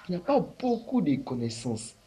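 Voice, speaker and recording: A man's voice: high-pitched, very animated, moderate pace, warm tone, a little hiss or hum. A man talking casually as a spiritual teacher, explaining his points with frequent rhetorical questions.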